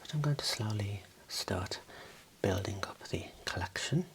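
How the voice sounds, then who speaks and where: A man speaking in a soft, breathy whisper, giving an unhurried ASMR tour of his book collection. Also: fairly low pitch, animated, slight background noise. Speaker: host showing own book collection.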